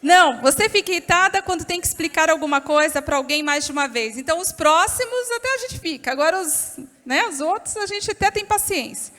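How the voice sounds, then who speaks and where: A Brazilian woman gives a talk at a church women's gathering and tells lively, expressive stories in a high voice. She speaks directly to her listeners and asks them questions. The sound carries the long reverb of a large church hall. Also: a little fast, soft background music. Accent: Brazilian Portuguese. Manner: lively, expressive storytelling, addresses the audience directly.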